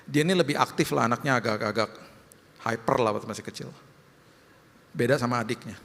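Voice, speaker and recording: A man's voice: medium pitch, fairly quick, vocal fry, fairly bright tone. A male pastor preaching a sermon in a conversational way, often acting out quoted voices. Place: large church hall. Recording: long church hall reverb.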